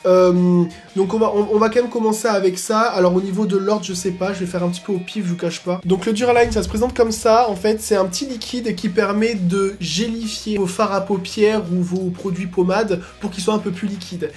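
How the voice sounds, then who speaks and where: Excitable slangy man chatting through makeup. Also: sits high. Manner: excitable, slangy, bursts into exclamations. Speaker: beauty YouTuber. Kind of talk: casual makeup tutorial chat.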